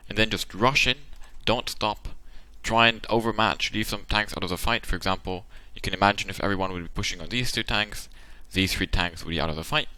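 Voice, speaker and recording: A man with a tired, worn-out voice talks through game tactics on his channel. His voice is pitched a little low but has a bright, forceful edge. He lays out option after option, thinking aloud as he goes, recorded close and dry at a desk mic. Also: dry recording. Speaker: channel host analysing a game replay. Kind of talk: casual tactical commentary.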